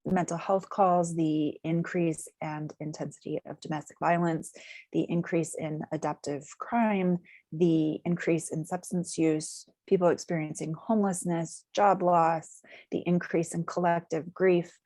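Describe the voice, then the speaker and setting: A woman representing a community agency answers interview questions in measured, jargon-heavy phrases with many filler words. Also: lowish voice, fairly even intonation, dark tone, no echo.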